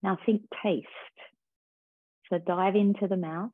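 A woman teacher slowly guiding a breathing and body-awareness meditation in a calm, soothing way. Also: medium pitch, husky, dry recording. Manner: slow, calm, soothing guidance. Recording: tinny phone-like sound.

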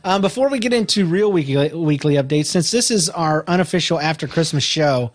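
A man hosts a loose, comedic chat show, cracking jokes and laughing with his friends. His voice sits a little higher than most men's. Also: lively intonation, a little fast, soft background music. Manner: joking, laughs often. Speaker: podcast host.

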